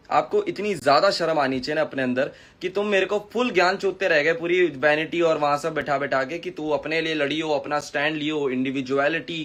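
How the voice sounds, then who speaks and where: High-voiced young man ranting combatively. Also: a bit bright. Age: 20s. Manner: combative, boastful, crude; mixes in English phrases. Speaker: content creator. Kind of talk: live stream rant.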